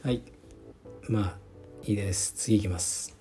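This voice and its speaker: Mellow-voiced man chatting offhandedly. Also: on the low side, unhurried, faint music behind. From Fukuoka, Japan. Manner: relaxed, offhand, frank, with many fillers. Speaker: podcast host, jiu-jitsu gym founder. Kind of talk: casual solo talk answering listener letters.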